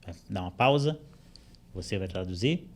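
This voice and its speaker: A Brazilian man with a somewhat low voice talks in a relaxed, explanatory way, full of small fillers. He is a podcast guest in a studio, recorded close on a studio microphone. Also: moderate pace. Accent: Brazilian Portuguese. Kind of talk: casual interview chat. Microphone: studio microphone with headphones.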